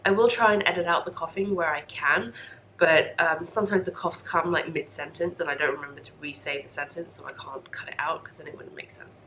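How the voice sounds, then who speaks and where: A young woman hosts a casual, chatty podcast from her home craft room, congested and coughing from a lingering cold, rambling apologetically and poking fun at herself. Her voice is low, fairly quick, pushed and bright. The recording is rough with slight background noise.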